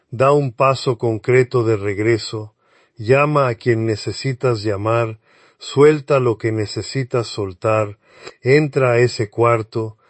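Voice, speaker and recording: A male preacher delivers a devotional sermon at an unhurried, deliberate pace, addressing the listener directly and earnestly. His voice sits at an ordinary middle pitch. The recording is close and dry, with no room echo. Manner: earnest, speaks straight to the listener.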